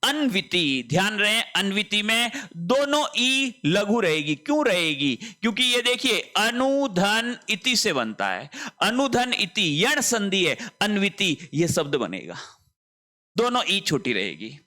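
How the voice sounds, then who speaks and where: A man's voice: high voice, big pitch swings, takes it slowly, sharp tone. A man teaching a spelling lesson, emphatic and repetitive, often asking rhetorical questions. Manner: emphatic, repeats words and asks rhetorical questions. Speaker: Hindi teacher.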